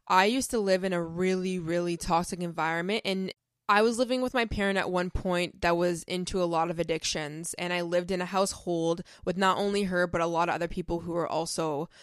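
Young woman podcast host, earnest and heartfelt, casual advice talk, smooth lowish voice, dry close sound. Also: steady tone, brisk, no room sound. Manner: earnest, heartfelt, filler-heavy with many "like"s.

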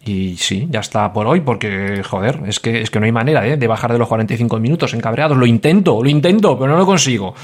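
A man's voice: medium pitch, fast talker, hardly any pauses. A man from Spain with a Spain Spanish accent, hosting a solo podcast in an exasperated, swearing rant. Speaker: podcast host.

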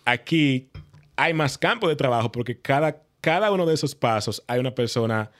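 A man with a Dominican accent and a mid-pitched voice takes part in a discussion. He talks conversationally and explains his points step by step with examples. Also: lively intonation, normal speed. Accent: Dominican Spanish. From Dominican Republic.

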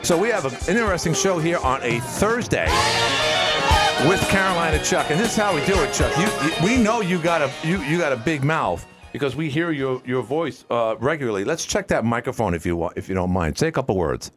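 A man's voice: fairly high pitch, expressive, a little fast, over loud music. A man from the Northeast of the US hosting a radio show, chatting in a jokey, teasing way with his guest in the studio. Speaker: radio host. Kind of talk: casual radio interview.

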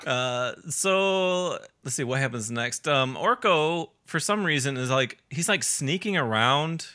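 Bright-voiced man searching for words. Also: fairly high pitch, lively intonation, a little slow. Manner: searching for words, frequent um and uh, laughs often. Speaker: podcast co-host. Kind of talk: casual chat.

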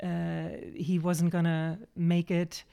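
A woman co-hosting a podcast, recalling old neighbors with lively amusement and frequent laughter. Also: lowish voice, slow, creaky, smooth. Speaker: podcast co-host. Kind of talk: casual reminiscing conversation.

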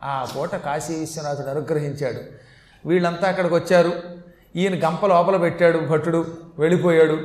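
A man telling a devotional story as a sermon and giving moral advice, slowly chanting verses along the way. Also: on the high side, fairly even intonation, darkish tone, echoey room. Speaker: religious discourse speaker.

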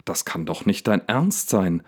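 A man reading a storybook, voicing an agitated young man shouting indignantly at a lion. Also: sits low, very animated, unhurried, exaggerated voice. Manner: angry, indignant outbursts. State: slightly hysterical.

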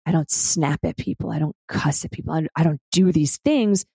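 A woman's voice: low-pitched, normal speed, gravelly, warm tone, breathy edge, dry recording. Earnest woman hosting a spiritual podcast. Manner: earnest, encouraging, speaks straight to the listener. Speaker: podcast host. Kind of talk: spiritual self-help talk.

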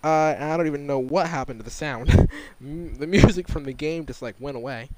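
A man's voice: fairly high pitch, fairly quick, a little mellow. A young man chatting casually while streaming a game at home, rambling with many fillers and restarts. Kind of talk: casual gaming stream chat. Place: home living room.

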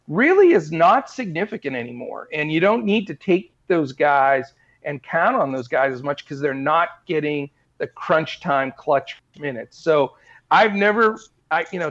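A man's voice: a little high, fairly bright tone. Male guest analyst on a dull line. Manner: earnest, repetitive, full of fillers. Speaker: fantasy basketball analyst guest. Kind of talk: casual interview advice.

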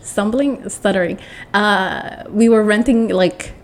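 A young woman tells a personal story to the camera in a casual storytime monologue, dramatic and animated. She rambles, corrects herself mid-sentence and keeps restarting her thoughts. She clears her throat often as she goes. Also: mid-range voice, slow pace. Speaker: vlogger telling a personal story.

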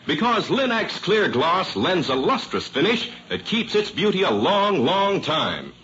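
High, bright, chipper old-time radio ad man. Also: very animated, unhurried, highs cut off. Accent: American. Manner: chipper, polished sales pitch. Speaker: radio announcer. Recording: noisy, band-limited old radio recording.

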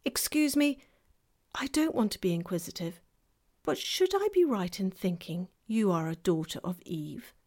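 A woman's voice: mid-range voice, lively intonation, moderate pace, a little mellow. A woman voicing a polite, fussy male faun who speaks formally and wistfully, for a storybook reading. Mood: eager. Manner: courtly, formal and eager.

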